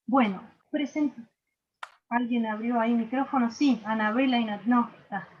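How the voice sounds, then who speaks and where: A woman's voice: a little high, normal speed, darkish tone, lo-fi sound, slight background noise. A woman with a Uruguayan Spanish accent giving an online workshop lecture, explaining patiently with frequent fillers and checking questions. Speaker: workshop instructor.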